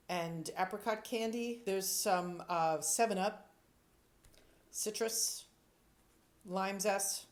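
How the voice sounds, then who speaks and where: A woman sommelier giving casual tasting commentary, thinking aloud with playful, descriptive asides. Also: medium pitch. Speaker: sommelier reviewing wines.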